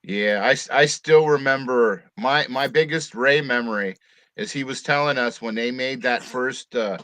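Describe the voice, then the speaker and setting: A man's voice: mid-range voice, normal speed, fairly bright tone, no echo. A man co-hosting a casual sports talk show from his home office, easygoing and hesitant, with many fillers and laughs. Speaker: co-host.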